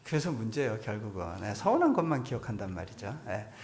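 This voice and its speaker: A man preaching as a guest missionary at a church revival, telling a personal story in a conversational way. He peppers his speech with affirming interjections and sinks to a hushed voice in reflective moments. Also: on the low side, big pitch swings, fast, a little hiss or hum. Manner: drops to a soft, hushed voice in reflective passages. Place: church sanctuary at a revival meeting.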